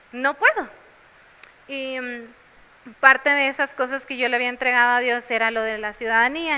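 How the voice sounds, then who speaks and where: A woman's voice: high voice, bright, forceful tone, smooth, big-room sound. A woman preaching a sermon in a church, sharing personal testimony.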